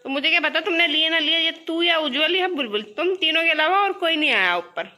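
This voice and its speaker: A woman, her voice high and bright. She keeps pressing and accusing in a prank-style home vlog, often breaking into laughter. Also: animated, fast. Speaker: vlogger.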